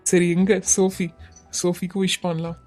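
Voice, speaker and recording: A woman voicing a gentle young man in love, soft and coaxing, in an animated web series. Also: fairly low pitch, normal speed, soft background music, lightly acted.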